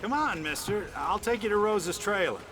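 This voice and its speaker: A high-voiced folksy American park manager. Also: male voice, lively intonation, normal speed, a bit bright, slight background noise. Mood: plain, hurried. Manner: folksy, plain-spoken. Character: folksy, grumbling male trailer park manager. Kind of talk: video game character dialogue.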